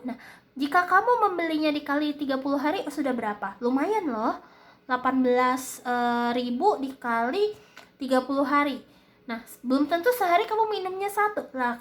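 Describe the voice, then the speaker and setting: A woman with a high voice and an Indonesian accent gives a casual spoken reading. She has a slight lisp that now and then blurs her r. She explains and advises hesitantly, often searching for the right word. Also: a bit bright. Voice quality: slight lisp, occasionally slurred r. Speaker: tarot-style reading host. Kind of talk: casual spoken monthly forecast with advice.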